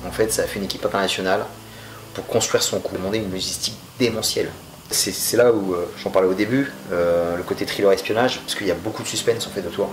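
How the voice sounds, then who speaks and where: Low-voiced joking male film reviewer. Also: fairly even intonation, fast talker, background noise. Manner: chatty, slangy, joking. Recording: music playing under voice.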